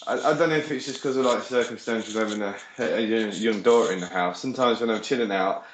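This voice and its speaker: A man's voice: fairly low pitch, quick pace. Sweary Brummie man in an echoey room. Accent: Birmingham. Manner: rambling, sweary, animated. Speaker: podcast co-host. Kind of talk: casual podcast chat. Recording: echoey room with faint noise.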